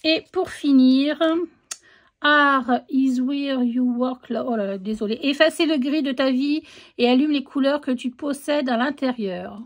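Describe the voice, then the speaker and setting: A woman's voice: high voice, moderate pace, darkish tone. A woman presenting a craft stamp collection in a casual unboxing, hesitant, with many fillers, reading the stamp words out as a list. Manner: reads out stamp texts as a list. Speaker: crafts vlogger.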